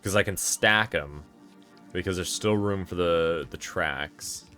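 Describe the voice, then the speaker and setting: Low-voiced tired guy musing out loud while he plays, correcting himself, soft music in the background. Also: takes it slowly. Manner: thinking aloud, musing and self-correcting. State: tired, yawning. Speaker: gameplay streamer. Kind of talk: casual gameplay commentary.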